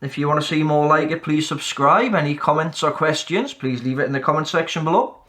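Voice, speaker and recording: A man hosting a repair channel, calmly walking through a fix in a casual, matter-of-fact way and counting off mic checks. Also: a little high, fairly quick.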